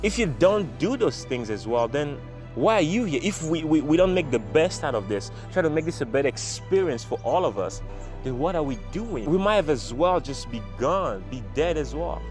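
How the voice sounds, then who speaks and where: A man's voice: on the high side, very animated, moderate pace. Earnest motivational man over music. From Congo. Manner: earnest, emphatic, repeats phrases for effect. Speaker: motivational vlogger. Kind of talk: motivational monologue to camera. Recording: music playing underneath.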